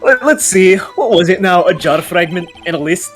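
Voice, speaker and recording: A man's voice: high-pitched, animated, normal speed. A smug, scheming older police chief, as a man puts him on in a put-on Irish accent. He talks down to people with a chuckling, patronizing air over a bed of game music.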